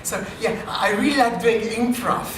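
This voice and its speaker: A French-accented man, an AI researcher, hosts a live improv comedy show at a comedy meetup venue, speaking dryly and self-deprecatingly with halting restarts. His voice is high-pitched with fairly even intonation, and the recording is distant and very echoey, with background noise.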